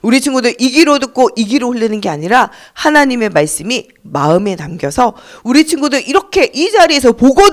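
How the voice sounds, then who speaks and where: A woman preaching a children's Sunday sermon, asking the children questions and leading them in call-and-response, with soft whispered stretches. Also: on the high side. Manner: sing-song and expressive, dropping to soft whispers.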